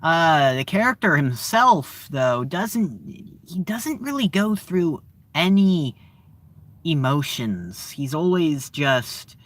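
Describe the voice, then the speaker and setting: A man giving a casual spoken review of a TV series, halting and searching for words with frequent fillers. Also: on the high side, sing-song, fairly bright tone.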